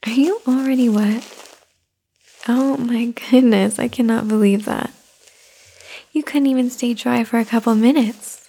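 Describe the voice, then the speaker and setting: A woman in an ASMR caretaker roleplay, speaking softly and soothingly, often in a whisper, close to the microphone. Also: a little high, fairly even intonation, unhurried, pauses often, slightly rough.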